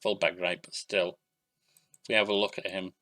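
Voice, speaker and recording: A man's voice: sits low, little pitch movement, moderate pace, pushed and bright. A young adult man giving casual let's-play commentary, narrating match action in short bursts and thinking aloud. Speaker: gaming YouTuber.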